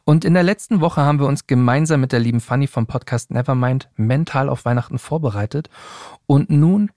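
A man's voice: medium pitch, a little fast, dark tone, dry recording, clean studio sound. A man hosting a podcast, chatting in a friendly way and speaking straight to his listeners. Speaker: podcast host. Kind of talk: casual podcast interview.

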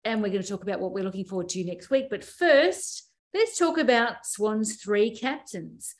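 Australian woman, podcast host, brisk, moves the panel along. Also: mid-range voice, lively intonation. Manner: brisk, steering the talk with questions. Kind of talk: hosting a sports podcast.

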